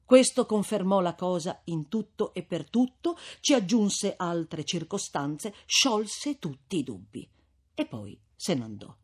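A man narrating a classic novel as an audiobook, in an expressive, dramatic reading. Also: high voice, slow, slightly rough. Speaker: audiobook reader.

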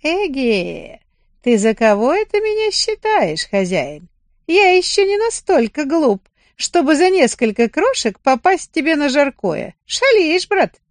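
A shrill, squawking rooster, as a woman reading the story puts him on, indignant and full of himself. The voice leaps far above the reader's normal pitch and comes out loud and piercing. It is recorded dry and close in a storybook reading. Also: very animated, measured pace, dry recording. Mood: cocky. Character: boastful, panicky old male rooster.

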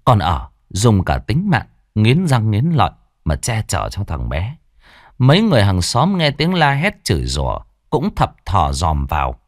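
Highly expressive storyteller man. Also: a little slow, dry recording, studio quality. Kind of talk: dramatic ghost-story narration.

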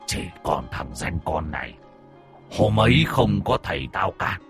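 A man voicing the vengeful ghost of a murdered orphan boy, snarling and swinging from low hisses to shrieks. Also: big pitch swings, a little slow, fairly bright tone, soft background music, full character voice.

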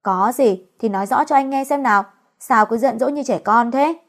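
Woman voicing a young husband, playful, coaxing, high-ish voice, storybook romance. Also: normal speed, lightly acted.

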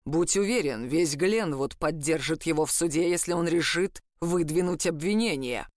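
A stern older father gives orders slowly and coldly, biting off each syllable, as a woman narrator plays him. The voice drops well below her own, recorded dry and close. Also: sits low, dry recording, voice pushed down, close to an everyday voice. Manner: slow, clipped, commanding.

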